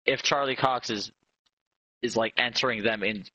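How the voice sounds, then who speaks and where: Male co-host, bright and animated, rambling, dry lo-fi mic. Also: mid-range voice, moderate pace, breathy edge, no room sound. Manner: rambling, lots of filler, rising questions. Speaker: podcast co-host. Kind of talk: casual chat.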